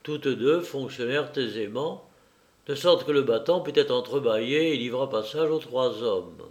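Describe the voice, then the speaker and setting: A man narrating an audiobook in a measured, unhurried reading. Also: mid-range voice, animated.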